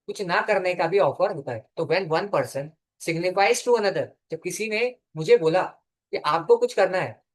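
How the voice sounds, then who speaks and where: A young man teaching law in a lecture. He dictates definitions word by word and asks questions that he answers himself. His delivery sounds like a relaxed classroom talk. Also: high-pitched. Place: classroom or studio.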